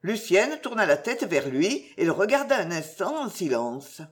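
Expressive woman reading a classic novel. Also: fairly low pitch. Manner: expressive, measured. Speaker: narrator.

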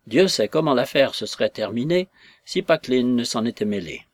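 Male narrator, scripted reading, lively pitch, dry close sound. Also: normal speed, dry recording. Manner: expressive, acting out voices. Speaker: audiobook reader.

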